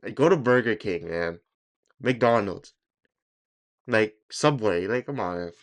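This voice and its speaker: A man's voice: on the low side, lively intonation, takes it slowly. A man hosting a reaction video, chatting casually with slangy asides.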